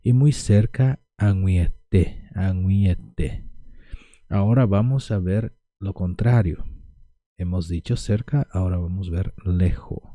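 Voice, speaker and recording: A man teaching a language lesson at a whiteboard, slowly repeating words for pronunciation practice. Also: deep voice, dark tone, no echo.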